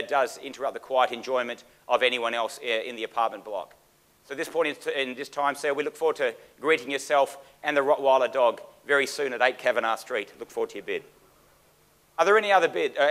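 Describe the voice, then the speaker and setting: A man's voice: medium pitch, fairly bright tone. A man speaking as an auctioneer, with formal, theatrical delivery and dramatic emphasis. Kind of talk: auctioneer's performance: theatrical sales pitch and bid calling.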